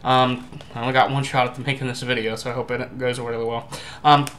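A young man chats casually to a webcam in a room at home, reviewing food. He speaks in a hesitant, halting way at a middling pitch. Clear noise sits behind his voice. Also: flat delivery, fairly bright tone. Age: young adult. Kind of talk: casual chat to camera.

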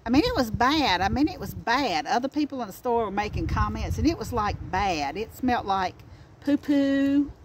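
A woman's voice: medium pitch, lively intonation, fairly quick, few pauses. A middle-aged woman with an Appalachian accent chatting casually outdoors and telling stories in a folksy way, repeating phrases for emphasis. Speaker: co-host. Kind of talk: casual chat and storytelling. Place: outdoors in a wooded yard. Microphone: camera a few feet away. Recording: outdoor recording with ambient noise.

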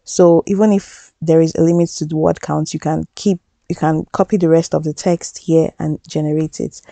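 A woman's voice: lowish voice, gravelly, warm tone, dry recording. A woman hosting a tutorial, talking over a screen recording in a chatty, upbeat, reassuring way and often restarting her phrases. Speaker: tutorial host.

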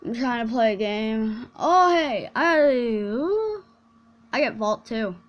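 A woman's voice: on the high side, expressive, slow pace, highs cut off. A woman chatting casually with a friend while playing a video game, rambling and tripping over her words. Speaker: gamer recording a video.

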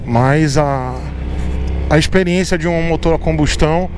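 A man's voice: a little high, measured pace. Brazilian man vlogging from a scooter. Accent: Brazilian Portuguese. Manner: chatty, addresses viewers, frequent fillers. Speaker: motovlogger. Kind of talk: casual motovlog commentary while riding. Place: on a scooter in city traffic outdoors. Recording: clear wind and traffic noise.

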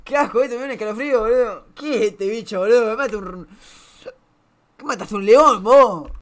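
Bright-voiced Rioplatense streamer man. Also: sits high, fairly quick. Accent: Rioplatense Spanish. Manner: swears a lot and laughs often. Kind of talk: casual reaction stream commentary.

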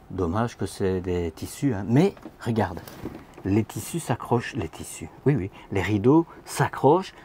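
Inside the vans at a large indoor trade show, a man with a mellow, mid-range voice shoots a casual phone walkthrough. He keeps it informal and talkative, calling the viewer "tu" and filling his speech with fillers, while slight background noise runs underneath.

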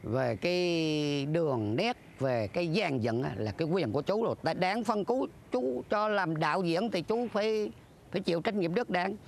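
An older former troupe leader reminiscing earnestly in an interview, acting out old conversations. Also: male voice, high-pitched, lively intonation, moderate pace, creaky, slight background noise. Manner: earnest, acts out dialogue, breaks into sung lines.

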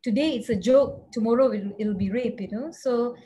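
A woman's voice: fairly high pitch, moderate pace, dark tone, a little hiss or hum. A woman in her thirties, a member of parliament speaking on a video call panel, earnest and emphatic, with frequent fillers. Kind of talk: webinar panel remarks. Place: indoor home room, virtual background.

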